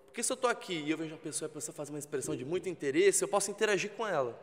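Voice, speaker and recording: A man with a Brazilian Portuguese accent, a TV presenter guesting on a podcast, explaining in a calm, coaching way. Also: a little high, racing, big-room sound. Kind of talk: casual interview talk. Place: podcast studio with spotlights.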